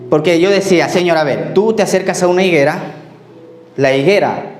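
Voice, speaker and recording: Male pastor, higher voice, storytelling sermon, echoey hall, soft music under. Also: fairly quick. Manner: storytelling, acts out dialogue, trails off quietly. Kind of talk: sermon with personal testimony. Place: church.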